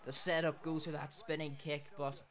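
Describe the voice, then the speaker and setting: Excitable man doing fight commentary. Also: a little high, moderate pace. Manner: excitable, shouts at big hits. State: losing his voice from shouting. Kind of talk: play-by-play commentary.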